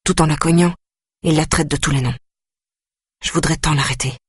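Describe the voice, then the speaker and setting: A man narrating a dark first-person audiobook in a grave, quietly intense manner. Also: fairly high pitch, fairly even intonation, normal speed, husky, dry recording, clean studio sound.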